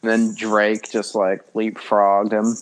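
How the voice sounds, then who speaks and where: A laid-back man co-hosting a casual music podcast. His voice is on the lower side, and he jokes easily, sometimes speaking in quick bursts. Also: monotone. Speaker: podcast co-host. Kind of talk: casual chat.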